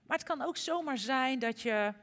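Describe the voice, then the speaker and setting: A woman preaching at a church service, talking warmly and chattily with many small fillers. Her voice sits fairly high and rings through a long church-hall reverb. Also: moderate pace. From Netherlands. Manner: warm, chatty, with frequent fillers. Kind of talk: sermon with storytelling.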